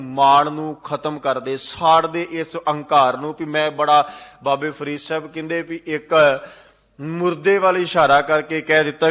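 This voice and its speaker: A man's voice: on the high side, sharp tone. A man giving a sermon at a gurdwara, chanting scripture lines in a sing-song way and repeating phrases for emphasis. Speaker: Sikh preacher giving katha. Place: gurdwara hall.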